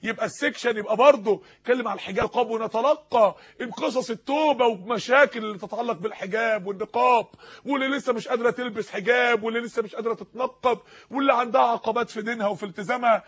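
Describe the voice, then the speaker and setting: A man with an Egyptian Arabic accent preaches at a racing pace, his high voice husky and strained. He pleads with his listeners through rapid, repeated rhetorical questions. The recording is dull and lo-fi. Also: a bit bright. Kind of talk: impassioned sermon.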